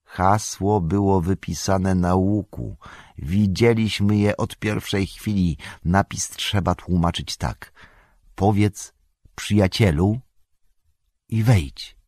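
Man doing an old wizard, husky, commanding, storybook reading. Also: low voice, slow pace, dry recording, clean studio sound, exaggerated voice. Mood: reflective. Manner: forceful shouted commands. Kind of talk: audiobook character reading.

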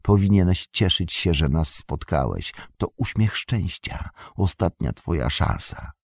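A man voicing a calm, dignified ancient elven lady, speaking in a measured, quiet way with a low, husky voice. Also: no echo, clean studio sound, exaggerated voice.

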